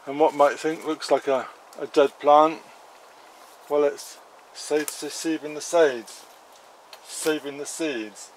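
Crouching by the beds, the same fifty-something gardening host chats plainly while touring his allotment plot and polytunnel outdoors. His voice is a little high, steady and slow. Insects and faint outdoor sounds come through a rough recording with a little hiss or hum.

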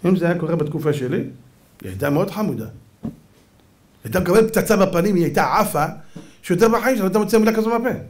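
A man preaching a Torah lesson as a rabbi, his voice sitting a little high and leaping about in pitch. He drives his points with rhetorical questions and sudden emphatic bursts, now and then acting out other voices. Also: lively intonation, long pauses. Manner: acts out quoted voices.

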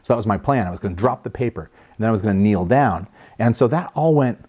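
Guy in his 30s telling a proposal story, low voice, bounces around a lot, jokey. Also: fast talker, breathy edge, muffled recording. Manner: animated, jokey, acts out voices. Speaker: host. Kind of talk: casual storytelling.

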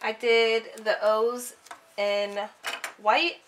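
High, bright-voiced woman narrating crafts. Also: level tone, extremely slow, a little hiss or hum. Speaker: craft tutorial host. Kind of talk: casual step-by-step tutorial narration.

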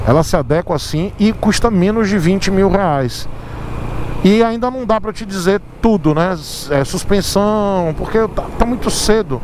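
A man with a Brazilian Portuguese accent chatting to viewers while riding a motorcycle through city traffic at night. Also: high voice. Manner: chatty, addresses viewers as galera. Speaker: motovlogger. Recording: outdoor traffic and wind noise.

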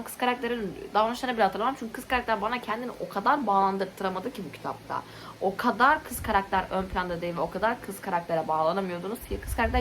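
A young woman vlogging casually about her monthly reading, ranting with exasperation and interrupting herself with quick asides. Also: a little hiss or hum. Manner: animated, exasperated ranting with rising pitch. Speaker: book vlogger.

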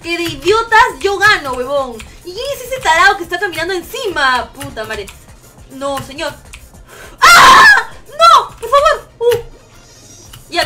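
A young woman streaming a game live, chatting with viewers, shrieking and swearing as she plays. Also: high voice. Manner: excitable, shrieks and swears while playing.

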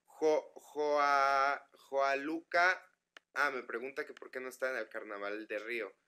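A man's voice: medium pitch, steady tone, fast, sharp tone. A man with a northern Mexican accent chatting casually with fans on a live webcam stream, stumbling over his words as he reads their messages aloud. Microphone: computer microphone.

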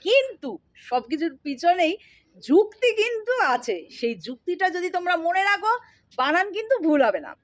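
A woman's voice: very high-pitched, big pitch swings, normal speed. A woman teaching an English spelling lesson in Bengali, explaining patiently step by step and often checking that her students follow.

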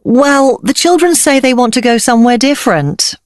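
An actress playing an easygoing mother chatting in a scripted dialogue, friendly and clearly enunciated. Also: high voice, lively intonation, moderate pace, no echo, studio quality. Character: easygoing mother chatting about family holiday.

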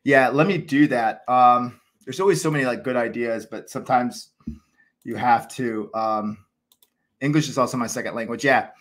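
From a small room at home, an American cricket channel host in his thirties chats on a casual livestream at a moderate pace, his mid-range voice a little bright. He rambles eagerly, often restarting and leaning on fillers.

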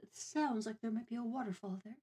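A woman's voice: fairly high pitch, fairly quick, warm tone, slightly rough. A woman co-hosting a live stream, chatting casually and reading viewer messages aloud. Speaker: streamer co-host.

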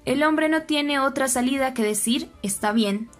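A woman with a fairly high voice narrates a scripted soap opera recap over faint background music. She keeps an even storytelling pace and gives quoted dialogue only a slight lift. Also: normal speed.

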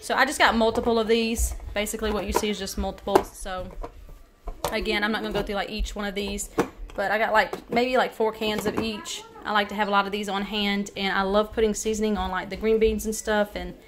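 A woman in her thirties, a vlogger, chats casually about her grocery haul in her home kitchen, listing items with lots of ums and likes. Her mid-range voice is flat and fairly quick. The handheld phone recording is very noisy.

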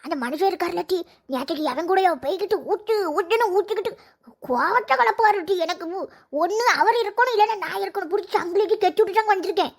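Woman voicing a cartoon granny, Kanyakumari Tamil, blunt, very high and nagging. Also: fast talker, creaky. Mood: scolding. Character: scolding old village grandmother, bossy and blunt. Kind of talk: cartoon voice acting.

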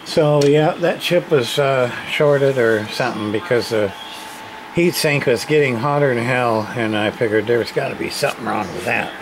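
Working at a home workshop bench indoors, a man with a medium-pitched voice walks through a hands-on radio repair at a moderate pace, dropping terse, casual, folksy fragments. Radio static fills the noisy room, with CB radio noise in the background.

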